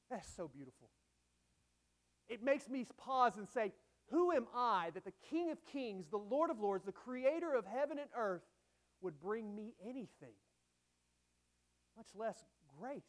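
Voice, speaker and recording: A man preaching a sermon in an earnest way, with emphatic lines that fall away into soft phrase endings. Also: sits high. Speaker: pastor.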